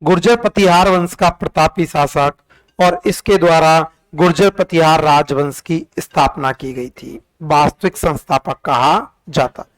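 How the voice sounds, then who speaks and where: A man's voice: on the high side, a little slow, rough recording. A man teaching history, drilling facts through repeated questions and sing-song counting in call-and-response revision.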